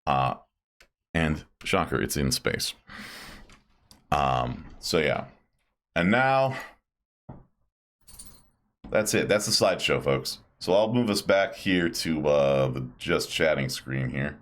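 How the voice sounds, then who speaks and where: Male live streamer, deep register, very varied intonation, loose rambling casual talk. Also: lively intonation, slow pace, long pauses, a bit bright. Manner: rambling, self-described grumpy old man.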